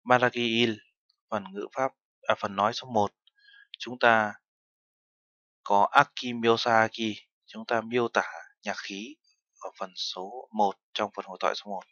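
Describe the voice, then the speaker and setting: Bright-voiced man teaching a lesson. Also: lowish voice, fairly even intonation, unhurried, long pauses, no echo, lo-fi sound. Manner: explains step by step, mixing in Korean terms. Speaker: Korean language teacher. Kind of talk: lesson narration.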